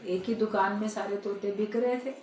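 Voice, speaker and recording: A woman's voice: medium pitch, fairly even intonation, moderate pace, a little mellow, slight background noise. A woman giving a spiritual discourse, telling a parable in an earnest, instructive way. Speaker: spiritual speaker. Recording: roomy sound, distant mic, faint ambience.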